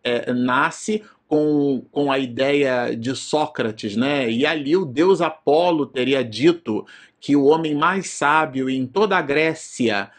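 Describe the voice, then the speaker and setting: Husky Brazilian man giving a rambling lecture. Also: medium pitch, takes it slowly. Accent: Brazilian Portuguese. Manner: digressive, frequent filler tags and restarts. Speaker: presenter of a spiritist study program. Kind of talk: informal study lecture.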